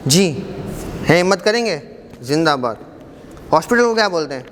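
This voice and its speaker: A man teaching an Arabic class, briskly quizzing students and encouraging them not to be shy. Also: on the high side, lively intonation, fairly bright tone. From Pakistan. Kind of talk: classroom quiz lesson. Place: mosque hall. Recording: echoey hall with background noise.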